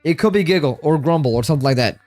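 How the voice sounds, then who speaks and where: A man's voice: fairly high pitch, animated, racing, a little mellow, dry recording, soft background music. A tired man livestreaming from home, chatting casually and rambling to his chat, often repeating himself.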